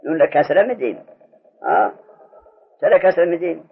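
A man with a slightly high, husky voice teaches an Arabic grammar lesson. He drills his student patiently, asking the same questions again and again. The recording sounds muffled and lo-fi. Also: big pitch swings.

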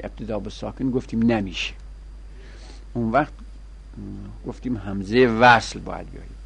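Male teacher, husky voice, sing-song drilling of conjugations, plain explanatory lesson. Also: medium pitch.

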